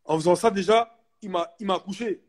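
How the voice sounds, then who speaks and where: A young man chatting casually as a guest, telling a story in animated street slang and repeating himself for emphasis. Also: high-pitched, a little fast. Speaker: guest, basketball player.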